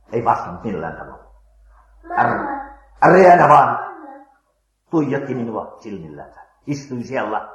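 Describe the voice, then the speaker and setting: Old preacher telling a story, echoey. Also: male voice, on the low side, muffled recording. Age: older. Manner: dramatic, slow and hesitant with frequent fillers. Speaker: missionary preacher. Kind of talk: storytelling testimony.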